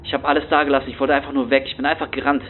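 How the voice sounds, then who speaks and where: Here a man of medium pitch delivers rapid-fire, flat lines with light acting over slight background noise. He voices a rattled young homeless guy anxiously rambling in street slang, telling a horror story in first person, and he sounds shaken. The sound is tinny, as if over a phone.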